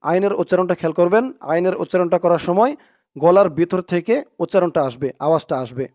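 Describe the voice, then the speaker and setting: Guy with a highish voice teaching tajweed, breaks words into syllables, says them again and again. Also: darkish tone. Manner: spells out syllables slowly and repeats them. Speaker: Quran recitation teacher. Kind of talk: step-by-step recitation lesson.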